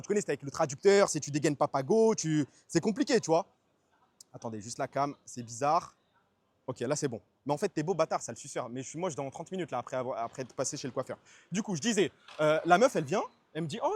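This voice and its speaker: Fast-talking young man streaming outdoors. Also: sits high, no room sound. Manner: fast slangy storytelling, acts out quoted voices. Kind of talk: casual IRL stream storytelling. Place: outdoors on city streets. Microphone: phone stream mic with noise suppression.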